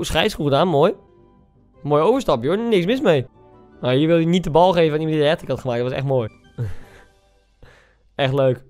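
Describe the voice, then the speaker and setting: A young man giving casual reaction commentary on video clips, teasing and incredulous, full of quick exclamations. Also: a little high, a little mellow. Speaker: YouTuber.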